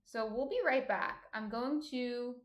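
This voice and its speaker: A woman's voice: on the high side, a little slow. A woman from New Jersey hosting a cooking livestream in casual, chatty speech. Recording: echoey room.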